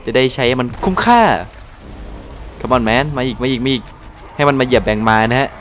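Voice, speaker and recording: Excitable man narrating his gameplay. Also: mid-range voice, normal speed, a little hiss or hum. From Thailand. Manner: excitable, swears and laughs often, exclaims at the action. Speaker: gaming channel host. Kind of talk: casual live gameplay commentary.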